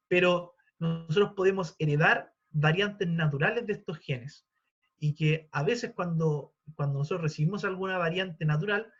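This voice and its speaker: A man in his forties gives a live online lecture in a fairly high voice. He explains things patiently, with frequent hesitations and restarts. The audio is dull and lo-fi. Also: a bit bright. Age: 40s. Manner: explanatory, with many fillers and restarts. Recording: dull lo-fi sound.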